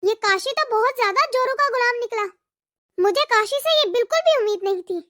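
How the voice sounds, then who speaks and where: A woman's voice: very high voice, lively intonation, brisk, fairly bright tone. A woman voicing a spoiled, catty young sister-in-law in a cartoon, whining and tattling. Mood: complaining. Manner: whiny, tattling.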